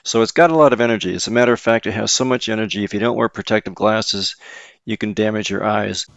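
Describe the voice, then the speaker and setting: A mineral hobbyist educator hosts an informal video, explaining and showing things in a folksy, conversational style and calling objects "this guy." His fairly low, gravelly voice is a bit bright and he talks fast, with a dry but muffled recording.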